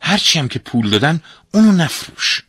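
Clever young shape-shifter, eager and bright-voiced, read by a male storyteller. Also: on the high side, big pitch swings, breathy edge, dry recording, clean studio sound, voice pushed up, full character voice.

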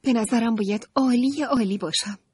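A woman's voice: on the high side, breathy edge, no echo, studio quality. A woman voicing a bewildered young woman in an audiobook, speaking in an indignant, earnest way. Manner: indignant, pleading, expressive. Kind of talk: audiobook character voice.

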